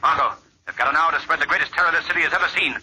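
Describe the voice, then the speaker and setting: A man's voice: fairly high pitch, rapid-fire, noisy background, close to an everyday voice. A man playing the Shadow, a mysterious invisible crime fighter, in a 1940s radio drama with mocking, theatrical delivery. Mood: commanding. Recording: old radio broadcast recording.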